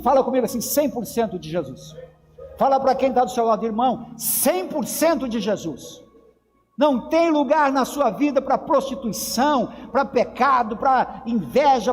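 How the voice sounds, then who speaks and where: A Brazilian man with a very high voice delivers an emphatic church sermon. He calls out to the congregation again and again. The sound rings with hall reverb, and faint music plays behind him. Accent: Brazilian Portuguese. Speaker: pastor. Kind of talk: lively Pentecostal sermon. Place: church sanctuary.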